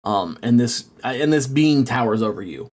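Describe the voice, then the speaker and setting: Man, game master, rambling narration, lots of ums, mid-pitched voice, gets excitable. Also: moderate pace. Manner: rambling, filler-heavy, excitable.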